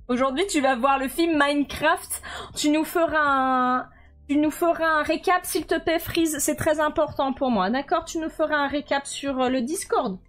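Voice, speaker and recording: A woman streaming live, chatting casually and playfully with her viewers as she reads the chat aloud. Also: high voice. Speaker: streamer drawing commissions live. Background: faint music.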